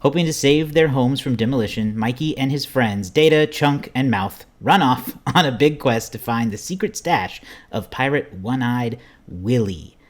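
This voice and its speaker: A man's voice: mid-range voice, lively intonation, moderate pace, hardly any pauses. A man hosting a podcast, introducing the show and chatting casually with his co-hosts. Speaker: podcast host.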